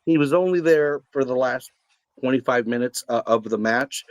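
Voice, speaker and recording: A male podcast co-host in a casual sports chat, talking with an animated, excitable delivery. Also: mid-range voice, normal speed, dry recording.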